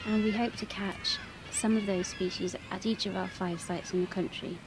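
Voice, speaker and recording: A seabird scientist in her thirties explains her field work during an outdoor interview on an open grassy coast. Her mid-range voice is steady at a normal speed, and the rough recording clearly picks up background noise outdoors.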